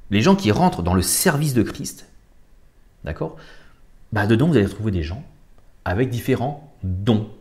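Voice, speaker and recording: A man with a low, mellow voice gives a casual spiritual commentary, thinking aloud as he checks passages. His pitch moves around a lot, rising and dipping as he goes. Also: lively intonation, moderate pace, long pauses. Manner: colloquial, thinks aloud while looking up verses. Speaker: channel host.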